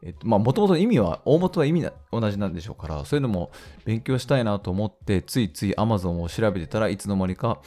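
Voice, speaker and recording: A man from Japan hosting a solo podcast, thinking aloud with frequent hesitant fillers as he slowly reads and explains English news lines. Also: lowish voice, animated, warm tone. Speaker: podcast host.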